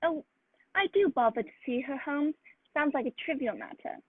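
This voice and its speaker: A woman playing a genial, slightly grumbling gentleman doctor, a detective's companion, in a radio play. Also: high voice, lively intonation, normal speed, a little hiss or hum. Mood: reluctant. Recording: dull lo-fi recording.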